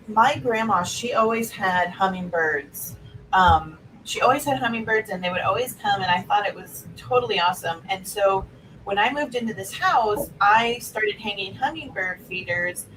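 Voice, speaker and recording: A woman's voice: mid-range voice, lively intonation, measured pace, fairly bright tone, recorded from a distance, slight background noise, poor audio. A woman co-hosting a casual chat over a video call, rambling and hesitant with lots of fillers. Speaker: co-host.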